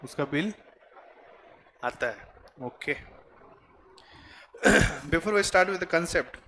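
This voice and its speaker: A man teaching a commerce class, questioning students and explaining slowly in a classroom. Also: a little high, lively intonation, pushed and bright, slight background noise. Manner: mixes Hindi, Marathi and English, quizzes students; slow, deliberate explaining. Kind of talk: classroom lecture.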